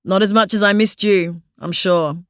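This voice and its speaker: A woman's voice: mid-range voice, fairly even intonation, normal speed, clean tone, no room sound, clean studio sound, natural voice. A woman voicing a friendly young man who teases his running buddy in an easygoing way. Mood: teasing. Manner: teasing, easygoing.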